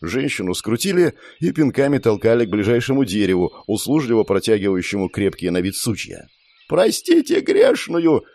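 A man narrating a first-person audiobook in a steady, even storytelling manner. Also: fairly low pitch, fairly quick, hardly any pauses.

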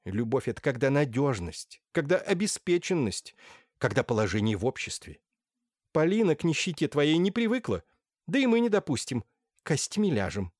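A man's voice: a little high, very animated, normal speed, darkish tone, no room sound, voice pushed up. A man voicing a domineering, scheming older noblewoman in an audiobook, by turns wheedling and hissing. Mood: scornful. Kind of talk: audiobook character voice. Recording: dry close studio sound.

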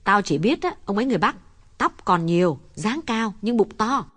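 A man's voice: extremely high pitch, sing-song, fairly quick, a bit bright, pitched above the performer's own voice, exaggerated voice. A man reading an audiobook voices a blunt young woman who talks curtly and dismissively. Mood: irritated. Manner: curt and dismissive. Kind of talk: audiobook character voice.

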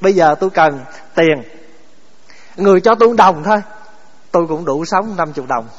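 A man voicing a cheerful, humble poor village man, explaining his contentment in a brisk, easygoing way. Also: on the high side, animated, long reverb tail, dull audio. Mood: contented.

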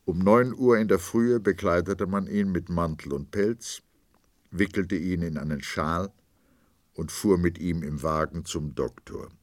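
A man narrating a literary story as an audiobook, reading expressively and dramatically, dropping to a hush at times. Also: low voice, measured pace, dry recording.

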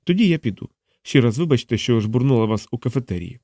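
A man's voice: mid-range voice, lively intonation, fast, mellow, dry recording, close to an everyday voice. A man voicing a blunt, fierce young woman soldier who talks in terse, clipped lines. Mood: insistent.

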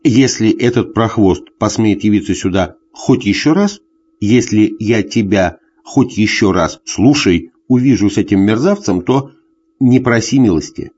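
A man's voice: lowish voice, expressive, unhurried, darkish tone, muffled recording. A man voicing a drunk, jealous middle-aged husband who rants at his wife in a hollow, tearful voice. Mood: enraged. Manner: hoarse tearful bullying rants.

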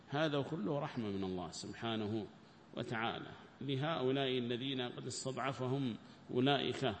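A man giving a Quran commentary lesson who explains slowly, repeats his phrases and puts questions to his listeners. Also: mid-range voice, long reverb tail, a little hiss or hum. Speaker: Quran teacher.

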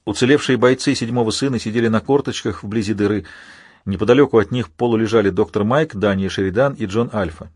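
A man narrating an audiobook in an even, measured reading. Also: medium pitch, slightly rough, dry recording, studio quality. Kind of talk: scripted narration.

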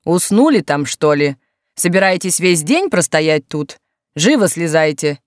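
A woman voicing a gruff, angry male policeman who barks orders at a crowd. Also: low-pitched, animated, measured pace, no room sound, studio quality. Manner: barking, shouting orders.

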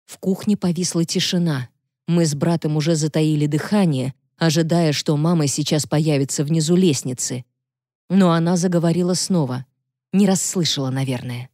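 A woman narrating a novel in a calm, even storytelling manner. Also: deep voice, moderate pace, dry recording, studio quality. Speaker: audiobook narrator. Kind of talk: scripted narration.

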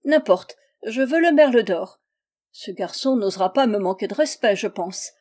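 A woman's voice: medium pitch, expressive, moderate pace, a little mellow, natural voice. A woman reading a storybook, voicing a haughty, spoiled young princess who gives commands. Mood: imperious. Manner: commanding, exclamatory.

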